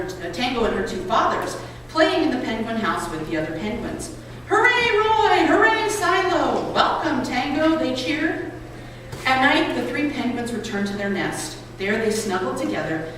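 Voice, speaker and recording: At a public read-aloud in a college lobby, a medium-pitched woman reads a children's book and an essay to a gathering, her storybook phrasing clear and expressive. The sound is echoey and noisy, captured from a distant mic.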